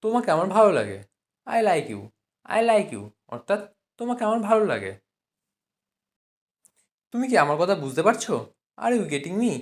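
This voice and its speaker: A woman with a Bengali accent teaching spoken English, saying each phrase slowly and then giving its meaning in Bengali. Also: medium pitch, big pitch swings. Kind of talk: language lesson, phrase then translation.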